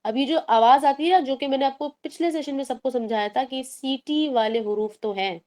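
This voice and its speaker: A woman's voice: sits high, dark tone. A woman teaching Quran recitation in an online class, explaining patiently step by step and mixing in English terms.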